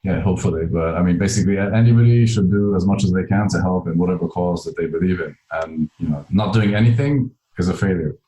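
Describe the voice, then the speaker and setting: A man's voice: deep voice, fast, hardly any pauses, dark tone, reverberant, poor audio. A man guest speaking on a call, talking loosely with lots of "like" and "you know" fillers. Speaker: cave explorer and guest. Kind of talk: casual interview on a call.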